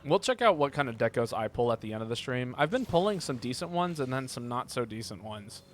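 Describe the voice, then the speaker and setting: A man's voice: mid-range voice, lively intonation, brisk. A man streaming a video game, chatting casually and rambling as he thinks aloud. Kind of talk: casual live gaming commentary. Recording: clear background noise.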